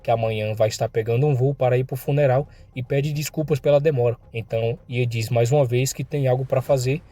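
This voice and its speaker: A man's voice: mid-range voice, steady tone, fairly quick, dark tone. A man narrating a comic recap in a casual, slangy storytelling manner.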